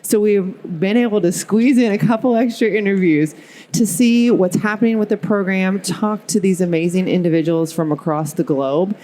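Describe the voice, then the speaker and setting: A woman's voice: mid-range voice, moderate pace, warm tone. A woman hosting a conference podcast, upbeat and encouraging as she interviews guests. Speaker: podcast host.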